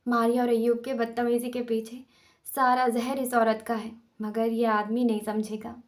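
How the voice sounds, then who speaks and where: A fiery young wife, read by a woman in a storybook drama, ranting and sarcastic at once. The voice sits fairly high but moves little in pitch, so the anger comes through the words more than the melody. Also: flat delivery, lightly acted.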